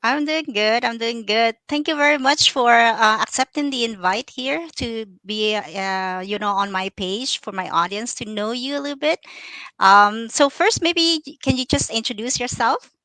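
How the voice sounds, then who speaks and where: A woman's voice: a little high, normal speed, pushed and bright, no room sound. Host, middle-aged woman from Vietnam, hesitant and full of restarts, dry close sound. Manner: hesitant, with frequent fillers and restarts. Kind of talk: casual interview.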